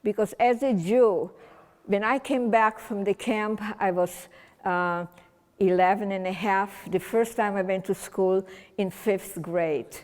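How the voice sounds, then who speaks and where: A Holocaust survivor from Romania, a native German speaker in her eighties, gives personal testimony at a remembrance event. Her talk is conversational and meandering, with frequent restarts and wry humor, in a slow, mid-range, darkish, fairly even voice. A long, ringing hall reverb surrounds her.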